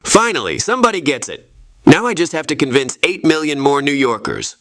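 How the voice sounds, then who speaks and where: Man acting Spider-Man, animated wisecracking hero. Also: on the high side, a little fast, dry recording, studio quality. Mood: wry. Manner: wry, quippy, animated. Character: Spider-Man, young wisecracking male superhero, self-deprecating. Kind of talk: video game dialogue.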